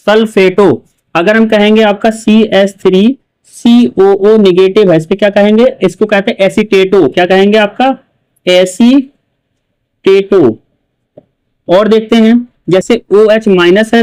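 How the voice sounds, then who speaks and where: A man's voice: sits high, darkish tone, clear, resonant tone, poor audio. A male chemistry teacher giving a lecture, asking his students questions and repeating each answer himself. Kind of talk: classroom lecture.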